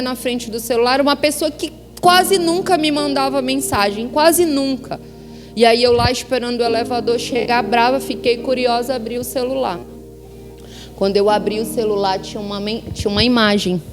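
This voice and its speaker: A Brazilian woman giving a sermon testimony, telling her story with lively acted-out dialogue. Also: on the high side. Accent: Brazilian Portuguese. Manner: animated storytelling, acting out dialogue. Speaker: pastor's wife preaching. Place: church hall with worship music behind. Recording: long hall reverb, music underneath.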